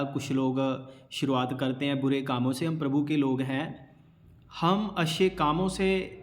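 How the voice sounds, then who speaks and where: A man delivers a slow, measured sermon as a pastor, posing rhetorical questions and answering them himself. His voice sits a little high for a man, and it rings out with a long reverb tail, as if in a large hall.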